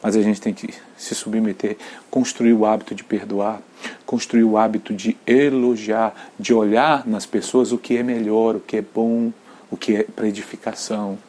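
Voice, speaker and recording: Husky Brazilian male pastor, earnest sermon delivery, whisper-soft to loudly emphatic. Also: lowish voice, level tone, normal speed. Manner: earnest testimony, drops to near whispers, climbs to loud emphatic peaks.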